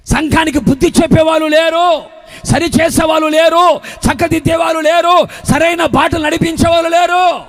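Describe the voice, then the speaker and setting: Pastor guy preaching, really high voice, shouts and half sings his points, goes quiet on asides. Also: steady tone, moderate pace. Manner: preaching with rising shouted emphasis and sung phrases. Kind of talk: sermon.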